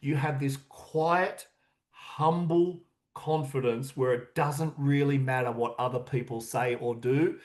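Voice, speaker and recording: A man's voice: mid-range voice, fairly even intonation, slow pace, darkish tone. A man giving a motivational coaching talk on self-acceptance, earnest and emphatic, repeating key questions for effect. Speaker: confidence coach.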